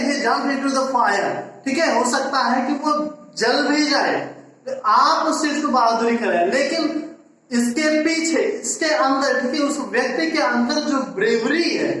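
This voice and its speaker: Indian male teacher giving a slow, repetitive classroom lesson; recorded in a very echoey room, far from the mic. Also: extremely high pitch, bright, forceful tone. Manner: mixes Hindi and English, repeats "ठीक है" often; slow, deliberate explaining with frequent rhetorical questions.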